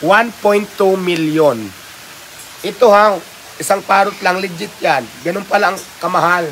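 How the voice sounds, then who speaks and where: A man hosting a casual vlog tour of an outdoor animal park, talking with excitement and cooing baby talk at the animals. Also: sits high, unhurried. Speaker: vlogger host. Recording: loud outdoor noise with birds.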